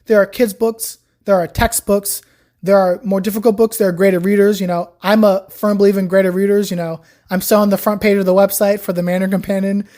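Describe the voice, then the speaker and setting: Her voice is mid-range and fairly quick as this young podcast guest tells, in an animated and chatty way, the story of learning Chinese. She uses "like" constantly throughout the casual interview chat.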